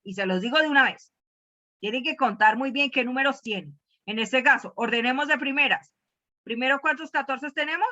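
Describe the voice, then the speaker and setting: A woman's voice: high-pitched, moderate pace, pushed and bright. A woman teaching a math class, questioning her students and repeating key words. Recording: dull lo-fi class recording.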